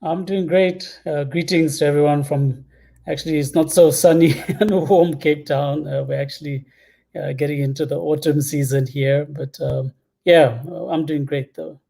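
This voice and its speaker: A man in his thirties from Zambia, interviewed as a product executive, recounts personal stories in a casual, hesitant manner. His fairly high, mellow voice has a steady tone, a moderate pace and some vocal fry, and he joins the video call from an indoor room at home.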